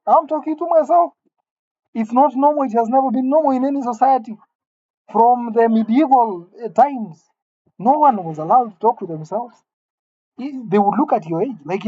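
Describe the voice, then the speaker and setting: A late-twenties male vlogger talks to the camera solo in an empty room, wandering through wry, self-mocking thoughts. His voice is high-pitched and warm, and the sound quality is lo-fi.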